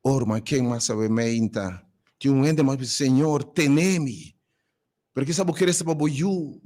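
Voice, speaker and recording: A man's voice: medium pitch, normal speed, mellow. Fervent man praying on live radio. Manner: fervent, rhythmic repeated pleas in prayer. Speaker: radio pastor. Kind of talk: live radio prayer call-in.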